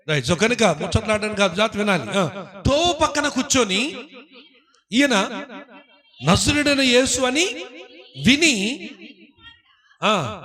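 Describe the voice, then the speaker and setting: High, bright-voiced preacher. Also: male voice. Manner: animated, acts out voices of people praying and scolding; questions and teases the congregation. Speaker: pastor. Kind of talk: sermon. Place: church.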